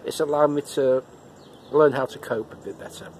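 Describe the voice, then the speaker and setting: This episode-reviewing vlogger, a middle-aged man with a head cold, talks casually to camera indoors in a living room and outdoors in a car park at night. His mid-range, slightly mellow voice holds a steady tone, though he halts and repeats words while restarting, and slight background noise can be heard.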